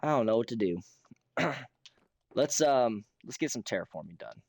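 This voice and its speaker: An American man with a hoarse, rough throat, chatting casually and ramblingly as he hosts a gaming livestream, often clearing his throat. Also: medium pitch, animated, normal speed, darkish tone, dry recording, studio quality. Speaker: streamer hosting a Minecraft realm.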